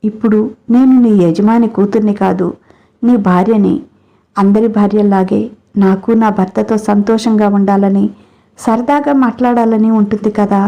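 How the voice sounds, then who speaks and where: A woman's voice: mid-range voice, steady tone, moderate pace, creaky, dark tone, lo-fi sound, natural voice. Woman voicing a hurt, fiery young wife. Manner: emotional, scolding. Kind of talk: storybook character reading.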